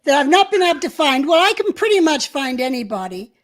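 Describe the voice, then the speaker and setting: Older woman, high voice, co-host, casual live-stream chat, reminiscing, chatty. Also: big pitch swings, fairly quick.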